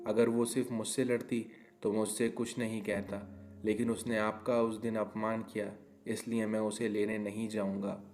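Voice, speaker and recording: A man's voice: on the low side, a little mellow, close to an everyday voice. A man voicing a stubborn young newlywed husband in a cartoon story, grumbling and exasperated.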